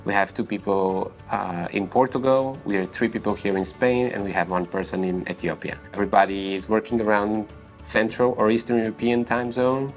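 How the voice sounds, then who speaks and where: Low-voiced Bulgarian-born man, measured. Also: steady tone, faint music behind. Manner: measured, with frequent "uh" pauses. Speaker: company founder and YouTuber. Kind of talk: interview answers and direct-to-camera talk.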